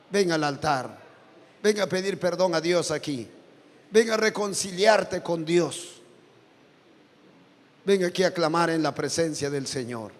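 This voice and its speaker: A very high-pitched male preacher with a gravelly edge, loud at one moment and hushed the next. He pleads with his hearers and prays aloud. Long reverb from a big church hall trails every phrase. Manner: preaching loudly, then pleading softly for repentance. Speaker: pastor. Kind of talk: sermon and altar call.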